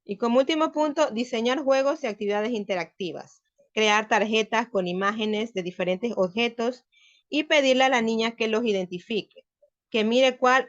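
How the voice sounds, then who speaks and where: Student woman presenting, higher voice, dull sound. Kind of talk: class presentation.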